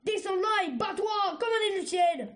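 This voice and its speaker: A fierce young red dragoness barks orders and insults in a harsh, shouting voice, as a woman puts her on. She is a bossy fighting teacher from a storybook, pitched high and pushed loud. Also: measured pace.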